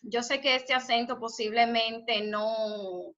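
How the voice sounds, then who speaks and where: A woman's voice: a little high, steady tone, slow, fairly bright tone. A woman teaching a spelling class live over a video call, encouraging and praising her students' answers. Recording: dull lo-fi video call audio.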